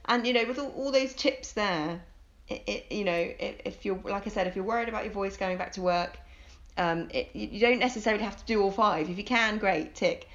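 On a podcast conversation, a UK vocal coach explains how to care for your voice in an upbeat, coaching manner. Her mid-range voice is brisk and a bit bright, though the recording sounds dull and lo-fi.

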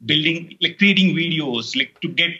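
A middle-aged online course creator, a Telugu native from India with an Indian English accent, chats as a guest in a relaxed interview. He rambles through fillers and restarts, his slightly high voice pushed and bright at a normal pace, with the highs cut off.

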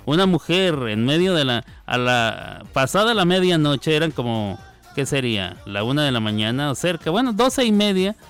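A man's voice: a little high, sing-song, normal speed, a bit bright, clean tone, soft background music. A man, a radio host telling a joking story in a casual, chatty monologue with playful sound effects.

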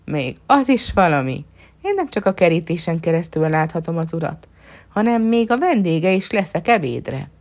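A crafty, good-humoured peasant from a storybook folk tale, read by a woman. He speaks low and calm, with a lively, teasing lilt that hides how much he knows. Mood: sly. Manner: sly and easygoing. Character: poor cunning male peasant, cheeky and calm.

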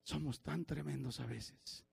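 A man, preaching a sermon as pastor, swinging from shouted preaching to low confiding asides. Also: steady tone, measured pace, creaky, breathy edge, no echo.

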